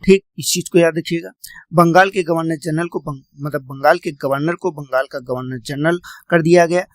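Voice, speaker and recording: A man's voice: fairly high pitch, steady tone, normal speed, dry recording. A man teaching a classroom lecture, repeating key points, quizzing his students and calling them "beta".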